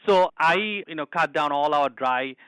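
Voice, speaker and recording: Bright-voiced man, dry sound. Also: a little high, measured pace, clear, resonant tone, no echo, low-quality recording. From Bangladesh. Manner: earnest, with frequent restarts and broken grammar. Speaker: executive chef. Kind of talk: interview answers.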